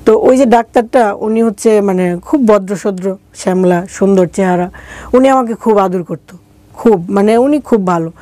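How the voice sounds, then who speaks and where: Speaking in colloquial words with a regional Bangladeshi accent, this interview guest tells her life story conversationally and voices remembered conversations. She has a mellow, medium-pitched voice at a moderate pace. There's no room sound.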